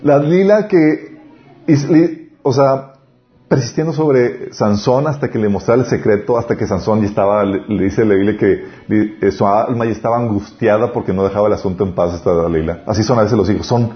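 Lively man preaching, dull lo-fi sound. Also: on the low side, fairly quick. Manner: lively, acts out family dialogues with laughs. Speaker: pastor. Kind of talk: sermon on parenting. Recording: dull lo-fi recording.

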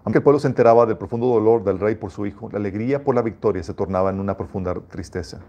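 Warm-voiced pastor preaching earnestly. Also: male voice, lowish voice, very fast, muffled recording. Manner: earnest, emphatic preaching with repeated restarts. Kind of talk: sermon with scripture reading.

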